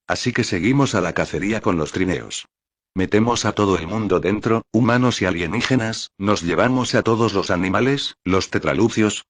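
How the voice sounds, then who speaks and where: A man's voice: deep voice, slightly rough, no echo. An actor playing an eager, restless young man who argues persuasively for his plan.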